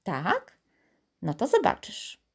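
A woman voicing a proud, boastful little girl with magic powers, lively and teasing. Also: medium pitch, slow pace, husky, exaggerated voice.

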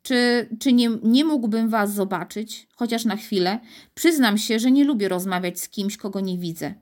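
A woman's voice: medium pitch, moderate pace, darkish tone, lightly acted. A woman voicing a flustered, bewildered middle-aged male city mayor in a storybook reading, puzzled and slightly fussy. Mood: contrite.

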